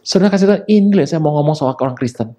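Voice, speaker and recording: Pastor guy preaching, big high jumps for emphasis, chatty asides. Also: animated, racing, warm tone. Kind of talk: sermon.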